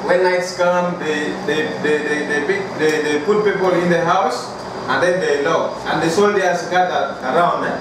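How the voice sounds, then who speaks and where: Recalling his life through interview answers, this young man from northern Uganda, an athlete, speaks haltingly with a northern Ugandan accent and a slightly high voice, often repeating phrases. He's in a small bare indoor room, recorded by a camera mic a few feet away, with strong echo and clear background noise.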